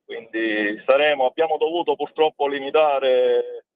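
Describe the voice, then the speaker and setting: A man's voice: mid-range voice, unhurried, no echo. Man, on speakerphone while driving, phone-line sound, dry, stop-start delivery. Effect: on speakerphone over a phone line while driving. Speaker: phone-in guest, event organizer. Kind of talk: casual phone chat on radio. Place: in a car. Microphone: hands-free car speakerphone.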